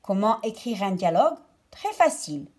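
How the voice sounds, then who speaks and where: A woman primary school teacher gives a recorded lesson to children, explaining step by step and phrase by phrase as if dictating and stressing key words. Her voice is medium-pitched with a darkish tone, moving at a moderate pace with big pitch swings. Her manner is didactic.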